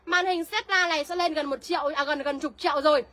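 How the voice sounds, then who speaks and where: A young woman, selling used cars on a livestream in a brisk sales patter and answering viewer comments. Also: high voice, steady tone, sharp tone. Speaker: used car seller.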